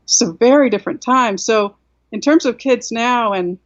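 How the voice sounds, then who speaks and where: A South Korea–raised woman in her sixties, a guest author, speaks at normal speed in a slightly high voice during a casual video-call interview from her home. Her lengthy reflections are peppered with "you know"s and restarts. Captured on a laptop webcam mic, the audio is dull and dry, without echo.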